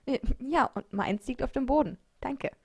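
A woman voicing a cheeky, smug schoolgirl in an audiobook, with a bright, teasing, bouncy delivery. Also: high-pitched, normal speed, husky, voice pushed up. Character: cheeky top-student schoolgirl, smug and carefree.

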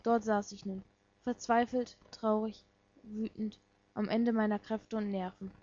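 A woman reading a first-person story aloud in a soft, subdued, dramatic way. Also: medium pitch, level tone, measured pace. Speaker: story reader. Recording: dull lo-fi recording.

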